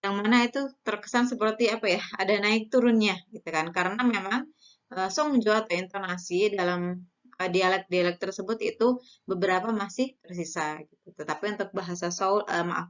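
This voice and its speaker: A woman with an Indonesian accent teaches in a loose, conversational way, scattering fillers and tag questions as she explains. Her voice sits at a middle pitch. The recording sounds a bit dull and lo-fi. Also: normal speed. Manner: relaxed, conversational, many fillers and "gitu kan" tags. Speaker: university lecturer. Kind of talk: recorded online lecture.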